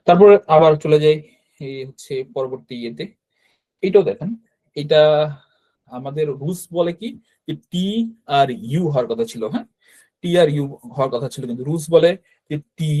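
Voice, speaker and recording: A man with a Bangladeshi Bengali accent leads a beginner language lesson over a video call. His voice is slightly high and mellow in tone. He explains patiently, step by step, and keeps checking in with his students. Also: poor audio. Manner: explanatory, checks in with frequent "right?". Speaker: Japanese language teacher. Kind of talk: online class teaching.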